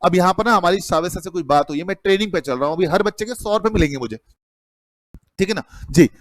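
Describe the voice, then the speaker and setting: A man's voice: sits high, animated, quick pace. A middle-aged man teaching an accounting class, calling students "beta" and firing repeated questions at them. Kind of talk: classroom lecture.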